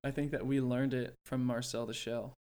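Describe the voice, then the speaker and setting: A young man with a mid-pitched voice chats casually as a podcast co-host. He thinks out loud, feeling his way through sentences and often rephrasing as he goes. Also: flat delivery, moderate pace, clear, resonant tone. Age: early twenties. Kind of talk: casual chat.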